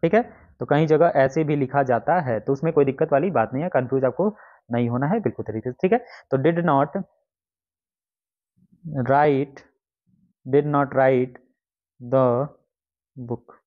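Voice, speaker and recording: A man's voice: on the high side, fairly quick. A man teaching an exam-prep grammar lesson, explaining step by step and repeating his own questions as he writes out the examples. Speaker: English teacher. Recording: dull lo-fi lesson recording.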